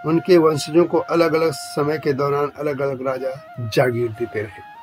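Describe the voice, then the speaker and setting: A male journalist giving a scripted documentary narration, reading out long lists of names and places in a measured way. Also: fairly high pitch, steady tone, faint music behind. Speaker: journalist narrating a channel's history series.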